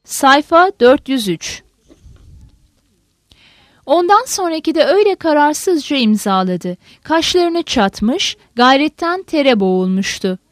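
A woman reading a novel aloud in a steady, measured narration. Her voice sits high and is recorded close and dry, with no room sound. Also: dry recording. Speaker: audiobook narrator. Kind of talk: scripted narration.

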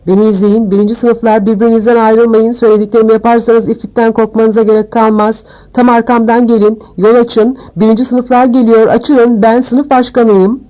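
A woman's voice: fairly high pitch, flat delivery, fairly quick, hardly any pauses, highs cut off, pitched above the performer's own voice, close to an everyday voice. A woman voicing a pompous, self-important teenage boy prefect who barks orders. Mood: bossy. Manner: bossy, loud, show-off.

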